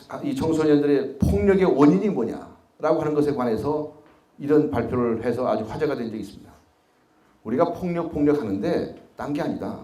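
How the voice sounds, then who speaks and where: A man speaks in a slightly high voice, lecturing to a crowd in a roomy, echoing hall. He tells stories and keeps asking the room rhetorical questions. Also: darkish tone. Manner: asks the audience rhetorical questions. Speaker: speaker at a policy lecture, former prosecutor. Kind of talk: public lecture with storytelling.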